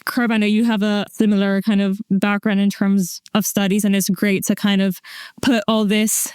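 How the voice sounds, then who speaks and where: Smooth-voiced woman podcast co-host from Greece. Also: medium pitch, level tone, moderate pace, a little mellow, no echo, studio quality. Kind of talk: casual podcast chat.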